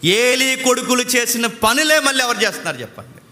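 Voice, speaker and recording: A man preaching an animated sermon, firing rhetorical questions and swinging between loud and soft. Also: very high-pitched, fairly quick. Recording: long hall reverb with faint music.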